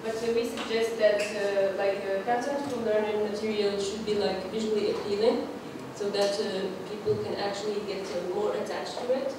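A woman at a workshop reports her group's ideas in a large conference room, her medium-pitched voice steady and her pace moderate with few pauses, though she uses many fillers and restarts. She's picked up from a distance by a room mic, so the hall sounds echoey and the background is noisy.

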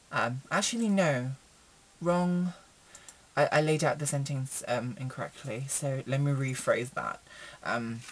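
A young man, chatting casually to his webcam in a small room, rambling with lots of fillers and restarts. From Philippines. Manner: chatty and rambling, many fillers and restarts, expressive pitch swings. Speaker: vlogger. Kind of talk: casual chat to camera.

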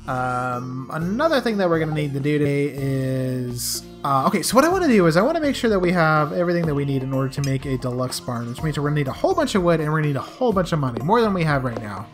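A young woman with a low, slightly scratchy voice chats through a video game as host. Her delivery is playful and lively in pitch, with soft game music behind her. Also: very fast, few pauses. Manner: playful, chatty, talks to game characters. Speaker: let's play host. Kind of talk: casual game commentary.

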